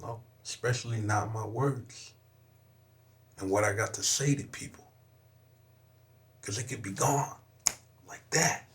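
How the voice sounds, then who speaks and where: A man's voice: fairly low pitch, a little slow, long pauses. A young adult man from Southern California, a rapper guesting on a podcast, who tells a personal story in a candid, emphatic way, swearing often and repeating "you know what I'm saying".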